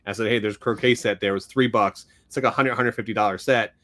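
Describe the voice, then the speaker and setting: A man's voice: fairly low pitch, steady tone, pushed and bright. Rambling Philadelphia-accented man. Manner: rambling, quick to laugh. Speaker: podcast co-host. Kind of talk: casual chat.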